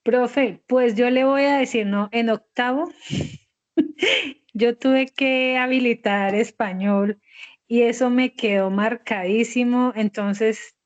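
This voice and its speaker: A woman's voice: on the high side, slow. A woman student answering her teacher casually in an online class. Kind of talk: class participation. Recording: dull lo-fi video call audio.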